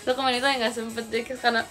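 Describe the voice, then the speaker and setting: A young woman chatting casually to her viewers on a livestream, rambling and talking to them directly. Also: a little high. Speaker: idol livestreamer.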